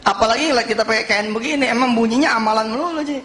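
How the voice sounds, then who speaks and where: A middle-aged man preaching a sermon, telling stories and acting out the dialogue with lively energy. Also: very high-pitched, very fast, background noise. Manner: lively storytelling, acts out dialogue. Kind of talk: sermon with anecdotes. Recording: long hall reverb.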